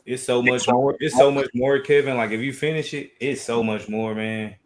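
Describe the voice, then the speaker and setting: A man's voice: medium pitch, steady tone, moderate pace, a crowd in the background. A man chatting casually and with enthusiasm as a panelist on a live stream about comics and shows. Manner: enthusiastic, rambling fan talk. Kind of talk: casual chat.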